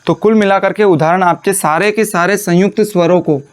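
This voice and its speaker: A man with a notably high-pitched voice gives a classroom-style lecture. He keeps posing questions and answering them himself, and he dictates definitions phrase by phrase, repeating each piece slowly so students can copy it into their notes. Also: steady tone. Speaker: Hindi teacher.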